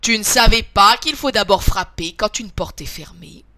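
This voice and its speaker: A woman voicing a big, displeased father bear in a storybook, talking loud and grumbling. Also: medium pitch, lively intonation, moderate pace, no room sound. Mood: scolding.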